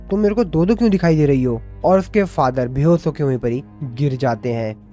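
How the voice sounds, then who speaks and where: A man's voice: a little high, a little mellow. A man narrating an anime episode recap in a chatty storytelling way, quoting the characters' lines.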